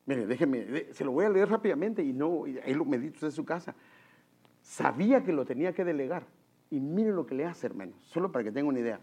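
A man's voice: fairly high pitch, quick pace, slightly rough. A man preaching a sermon, telling stories and repeatedly calling his listeners brother. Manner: animated, addresses the congregation as brother. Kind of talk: sermon with storytelling.

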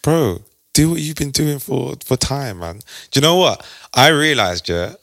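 A man's voice: mid-range voice, very animated, unhurried, a bit bright, no room sound, studio quality. A young man with an urban London roadman accent, chatting casually in heavy street slang and repeating phrases for emphasis. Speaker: podcast co-host.

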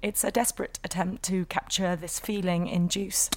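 An actress playing an exhausted, tender and anxious new mother, telling her inner thoughts in a hushed, confessional voice. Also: on the low side, steady tone, normal speed, a little hiss or hum, natural voice. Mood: frantic. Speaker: narrator. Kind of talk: intimate dramatic monologue.

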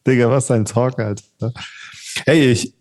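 A man co-hosting a podcast, chatting in relaxed, slangy banter. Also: medium pitch, unhurried. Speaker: podcast co-host. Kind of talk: casual podcast chat.

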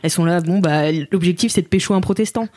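A woman with a somewhat low voice chats casually as a podcast co-host. She talks in playful slang and tosses in amused, laughing asides. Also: fast, very noisy. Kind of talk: casual chat.

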